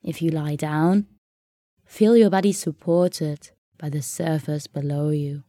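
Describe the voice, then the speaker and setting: A woman guiding a meditation in a soft, soothing, unhurried way, leaving long pauses between phrases. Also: sits low, steady tone, no echo, studio quality. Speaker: meditation guide. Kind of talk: guided meditation narration.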